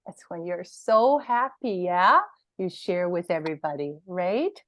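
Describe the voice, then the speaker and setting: An animated woman reads her picture book to a group of children, her pitch rising and falling freely and her pace slow and patient. She keeps stopping to ask the kids questions and cheer them on, with a dry, close sound. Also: dry recording. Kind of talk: storytime read-aloud.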